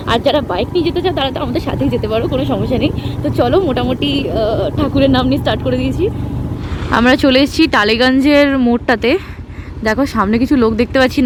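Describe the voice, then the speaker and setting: A young woman talks fast and high to her viewers as friends. She narrates the trip in a loose vlog style, and a faint hiss sits under her voice. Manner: chatty, addresses viewers as friends. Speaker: vlogger. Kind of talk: casual travel vlog narration.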